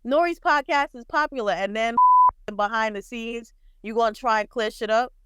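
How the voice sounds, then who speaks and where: A woman co-hosting a podcast, chatting bluntly and profanely about celebrity gossip with lively storytelling. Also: fairly high pitch, moderate pace, clean tone, no room sound. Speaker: podcast co-host. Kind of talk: casual pop-culture chat.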